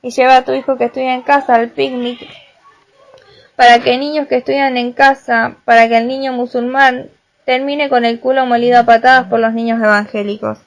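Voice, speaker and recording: A woman's voice: on the high side, little pitch movement, a little fast, close to an everyday voice. A woman doing a sarcastic teenage boy sidekick. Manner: sarcastic and blunt. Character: wisecracking teenage boy best friend.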